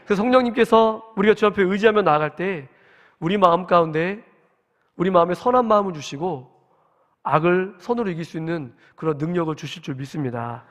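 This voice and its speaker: A man's voice: high voice, a little fast. Earnest man preaching in a reverberant church. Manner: earnest, conversational preaching with rhetorical questions. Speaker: pastor. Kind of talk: sermon. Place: church sanctuary at early-morning service. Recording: long reverb in a church hall.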